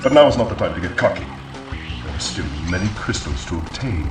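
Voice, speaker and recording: An actor playing a scheming, pompous mad doctor villain in a video game cutscene, speaking formally and theatrically. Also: male voice, deep voice, lively intonation, fairly quick. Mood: commanding, smug. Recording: roomy echo, distant, music underneath.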